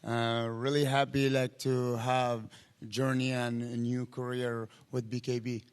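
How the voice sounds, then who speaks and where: Halting Iraqi-accented man, flat voice. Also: mid-range voice, clear, resonant tone. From Iraq. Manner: halting, searching for words, many fillers. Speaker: fighter guest. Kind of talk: interview answers. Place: indoor arena venue.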